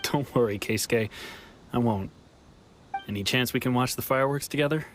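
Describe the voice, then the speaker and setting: An actor playing a gentle, world-weary runaway who has come home, earnest and reflective, in a video game. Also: male voice, medium pitch, normal speed, slight background noise, natural voice. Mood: reassuring.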